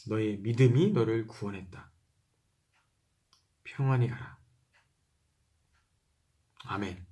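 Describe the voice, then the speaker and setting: A man reads Bible passages at an unhurried pace, going back over key verses. He breaks off now and then to explain things in a relaxed, conversational way. He raises his voice when he reads out quoted speech. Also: lowish voice, dull audio. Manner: reads slowly, repeating verses and pausing to explain. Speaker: Bible reader. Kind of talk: reading scripture aloud with commentary.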